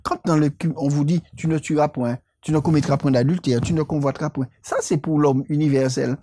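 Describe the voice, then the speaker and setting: A woman co-hosting a Bible study discussion, speaking in a measured, explanatory way and quoting scripture. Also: low voice, steady tone, mellow, slight background noise. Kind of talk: religious lesson discussion.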